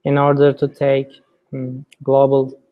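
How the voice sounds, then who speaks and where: A man's voice: medium pitch, monotone, narrow, tinny audio. A man from Turkey, practicing English with a tutor and choosing his words carefully. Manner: careful, deliberate non-native phrasing. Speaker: student.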